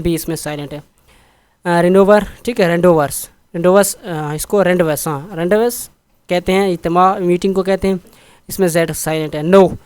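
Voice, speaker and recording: A man's voice: on the high side, clean tone, no room sound. A man explaining a textbook exercise in Urdu with English terms, patiently repeating words and checking that students follow. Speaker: teacher.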